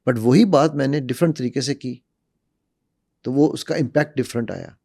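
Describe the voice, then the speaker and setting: A man in middle age lays out how to speak in public, teaching patiently through demonstrations and repeated examples. His voice is mellow and dark, recorded dry and close with no room sound. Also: mid-range voice, normal speed, gravelly, no echo. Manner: demonstrative, uses repetition and acted examples. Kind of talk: animated explanatory talk.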